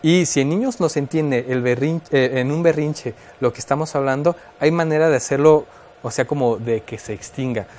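A man's voice: on the high side, moderate pace, darkish tone. A man with a Mexican Spanish accent, talking as an expert guest on a radio show and explaining child development in a thoughtful way, with fillers and restarts.

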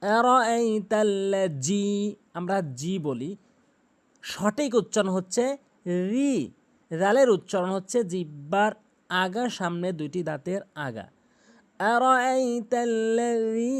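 A man teaching Quran pronunciation, chanting each word slowly and drawn out, then explaining the sounds in plain speech. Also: high-pitched, a little mellow. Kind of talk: tutorial on Arabic pronunciation.

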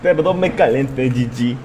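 A man commenting casually on his game live, breaking into high excited yelps and laughs. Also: slow pace, background noise. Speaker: gaming streamer.

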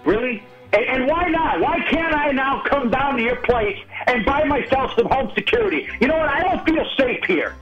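A man's voice: very high voice, lively intonation, moderate pace, few pauses, music in the background. Stammering, exasperated man on a muffled phone call. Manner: stammering, exasperated, repeating himself. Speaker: prank call victim.

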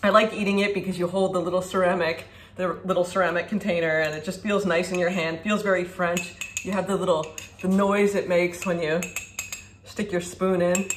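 A food vlogger in her thirties reviews products in a casual, chatty, upbeat way while demonstrating at a counter in her home kitchen. Her voice is on the low side, steady, and a little fast, picked up by a camera a few feet away. The kitchen is echoey with faint ambience and a little hiss or hum.

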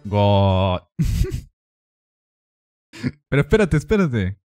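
A Latin American man chatting through a game stream, his voice swinging widely up and down. He gets excited fast, laughs a lot and chants phrases over and over. Faint music plays underneath. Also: medium pitch, dry recording. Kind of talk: casual gameplay stream chat.

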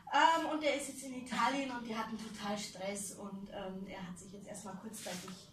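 A woman author reading her novel aloud at a fan meeting, with chatty, giggly asides. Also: high-pitched. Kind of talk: live book reading with banter. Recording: roomy, distant mic, faint noise.

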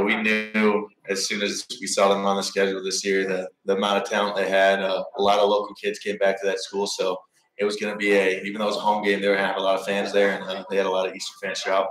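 A young man, a college basketball player, answering interview questions in a steady, polite, low-key way. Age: young adult. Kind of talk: sports radio interview. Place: sports bar, indoors. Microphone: table mic. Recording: roomy bar sound.

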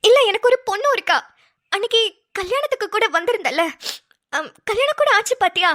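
A tender-hearted middle-aged mother in a homemade cartoon, voiced by a woman. She talks gently and motherly, in a very high, bright, ringing voice. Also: animated, fairly quick, full character voice. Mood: warm.

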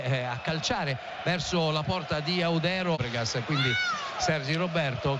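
A man's voice: a little high, muffled recording. A man giving live radio football commentary in an emphatic, dramatic, ornate way. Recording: loud stadium crowd noise behind voice. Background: stadium ambience.

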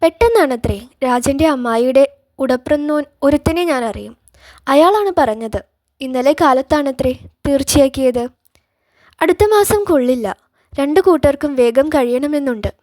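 A woman voicing a calm, gentle grown man who breaks hard news in a storybook reading. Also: high-pitched, normal speed, no echo, studio quality. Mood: subdued.

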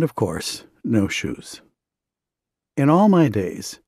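A man preaches with an earnest, conversational pull, weaving stories into his sermon. His voice sits on the low side with a husky grain, recorded close and dry. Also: a little mellow, no echo. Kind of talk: sermon with storytelling.

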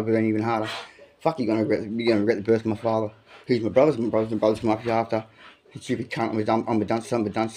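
An adult amateur freestyle rapper with a son spits profane, aggressive bars, repeating lines as he goes. His voice is low and dark, and he says he has a big voice.

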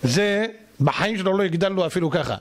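A man, a rabbi, giving an animated lesson to an audience, emphatic and at times shouting, acting out the people he quotes. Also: high voice.

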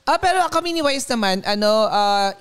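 Filipino man, podcast co-host, high voice, chatty storyteller, mixes English in. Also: expressive, moderate pace, a bit bright, clean tone. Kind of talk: casual live podcast chat.

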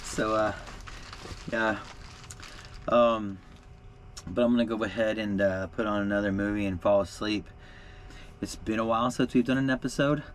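A man's voice: on the low side, normal speed, pauses often, a little hiss or hum. A middle-aged man vlogging casually inside a small truck camper at night, chatty and laid-back, with frequent fillers and easy laughs. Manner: relaxed, chatty, laughs often, many fillers. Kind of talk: casual vlog talk to camera.

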